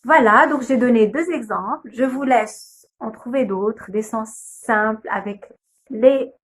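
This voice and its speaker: With a husky, slightly high voice, a young kindergarten teacher guides viewers through a phonics lesson video. Letter by letter and syllable by syllable, she sounds everything out slowly and patiently.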